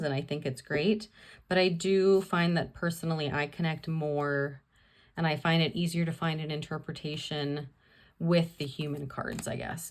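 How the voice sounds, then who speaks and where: A woman hosting a casual vlog, tired and rambling with many fillers and restarts. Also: sits low. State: tired and yawning. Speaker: vlog host. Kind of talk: casual chat about her tarot deck collection.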